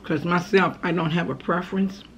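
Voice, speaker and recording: A middle-aged woman with a creaky, gravelly voice chats casually to viewers while eating, her mouth full. She is recorded indoors at a dining table, with noticeable room noise behind her. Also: on the low side, fairly even intonation, moderate pace, muffled recording. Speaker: mukbang vlogger. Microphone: camera on the table at arm's length.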